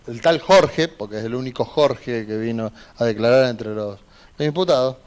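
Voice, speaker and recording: A man, a defense lawyer giving an emphatic, argumentative closing argument in a courtroom, repeating points for emphasis. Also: mid-range voice.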